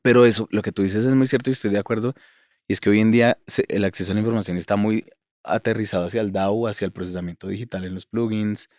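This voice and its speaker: A man hosting a podcast, thinking out loud in a somewhat low voice. He talks in loose, rambling stretches full of asides. The sound is dry and close to the mic. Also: fairly even intonation, fast talker, no echo. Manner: thoughtful, rambling, circles back with asides. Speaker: podcast host and university educator. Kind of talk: podcast interview.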